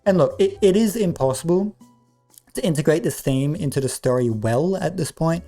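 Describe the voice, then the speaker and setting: A man's voice: a little high, expressive, moderate pace, mellow, faint music behind. A man giving comedic review commentary, sarcastic and exasperated, swearing often. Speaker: movie reviewer.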